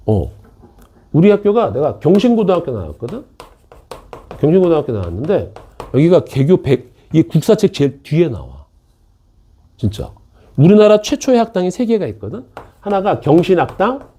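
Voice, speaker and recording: Animated man telling classroom stories. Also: fairly high pitch, normal speed, pauses often, breathy edge. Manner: chatty, animated, acts out quoted teachers. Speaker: math tutor. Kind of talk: casual storytelling to students. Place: small classroom.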